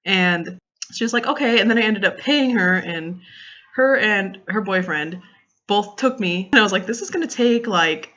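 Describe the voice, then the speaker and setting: Young woman just chatting away on her vlog, bright punchy voice, acts out what people said, kinda muffled audio. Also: mid-range voice, moderate pace. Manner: animated, filler-heavy retelling with quoted dialogue. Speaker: vlogger. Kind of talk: casual storytelling vlog.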